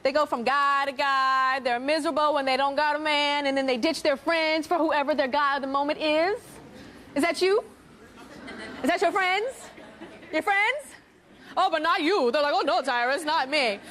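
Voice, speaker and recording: Brief: high-voiced woman in her thirties, talk show host, brassy and teasing, faint hiss behind. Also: moderate pace, a bit bright. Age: 30s. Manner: brassy, laughing, teasing address to the audience. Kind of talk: talk show hosting and interview.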